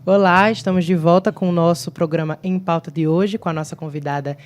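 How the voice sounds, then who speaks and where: A woman's voice: fairly low pitch, steady tone, fairly quick, faint music behind. A woman hosting a university TV talk show who asks short, inviting questions. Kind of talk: TV interview hosting. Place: TV studio.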